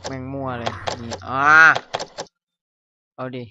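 A man's voice: slow pace, background noise. A man playing a horror game, talking casually, swearing and yelping when startled. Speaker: gamer. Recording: dull lo-fi mic with game music. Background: game music.

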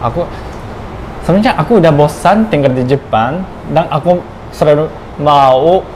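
Halting Japanese-accented man. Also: on the high side, a little mellow, a little hiss or hum, low-quality recording. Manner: halting, searching for words, frequent fillers. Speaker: guest. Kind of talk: casual interview chat.

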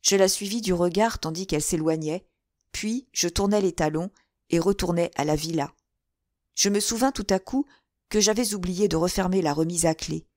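Low-voiced woman reading an audiobook. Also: dry recording, studio quality. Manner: measured, even storytelling. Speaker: audiobook reader. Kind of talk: scripted audiobook narration.

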